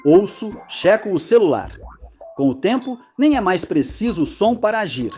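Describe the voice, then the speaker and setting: Explainer narrator, medium pitch, animated delivery, light music underneath. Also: moderate pace. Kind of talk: scripted educational narration.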